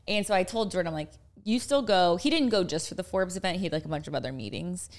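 Chatty young woman, lowish voice. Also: expressive, racing. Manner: chatty storytelling with many fillers. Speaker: podcast co-host. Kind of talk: casual chat.

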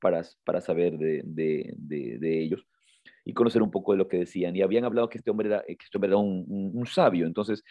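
A man co-hosting a podcast, retelling a story in a casual, halting way, often repeating words and lifting his voice when he quotes someone. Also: deep voice, dry recording, narrow, tinny audio. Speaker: podcast co-host.

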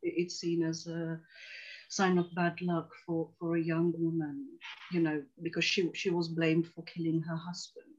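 Guesting on a video call, a woman in her forties who was originally from Tanzania and works as a psychotherapist recounts her life story with earnest reflection. She speaks at normal speed in a low voice with little pitch movement, and the audio is dull.

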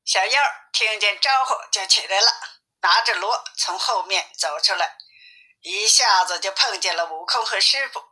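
A woman narrating a simplified classic tale for an audiobook, reading clearly and expressively. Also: mid-range voice, moderate pace, sharp tone, poor audio. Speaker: storyteller.

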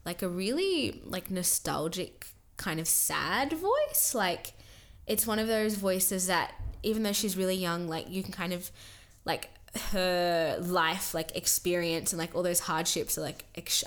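A woman's voice: on the low side, lively intonation, unhurried. A young woman co-hosting a podcast, chatting casually and rambling with lots of filler words. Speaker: podcast co-host. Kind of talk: casual chat.

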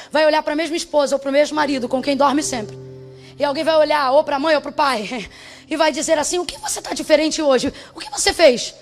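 A woman preaching a sermon with fiery shouted refrains, dropping into speaking in tongues. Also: high voice. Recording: faint music behind.

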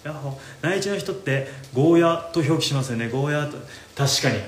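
A man's voice: a little high, fairly quick. A young man hosting a casual live radio stream while cooking, chatting and answering viewer comments. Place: home kitchen, indoors. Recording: roomy kitchen with loud frying sizzle.

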